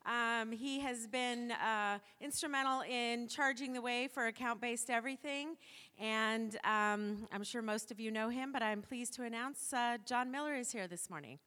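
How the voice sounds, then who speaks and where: A woman moderating a conference session, introducing the speaker with frequent fillers and pauses in a large hall. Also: fairly high pitch, sharp tone. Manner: hesitant, filler-heavy introduction. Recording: long hall reverb.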